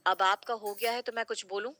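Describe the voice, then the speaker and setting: A woman voicing a frustrated young daughter-in-law who answers back with sharp sarcasm. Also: mid-range voice, steady tone, fairly quick, lightly acted. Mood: retorting.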